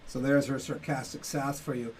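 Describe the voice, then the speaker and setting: A middle-aged man casually walking through a demo of his own software tool, explaining step by step with a few fillers. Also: medium pitch, fairly even intonation, moderate pace, a crowd in the background. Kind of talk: casual tech demo walkthrough.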